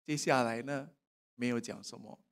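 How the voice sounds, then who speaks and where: A man preaching a sermon in a church service. He tells a personal testimony and asks the congregation questions, swinging between soft and loud. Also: mid-range voice, normal speed, smooth.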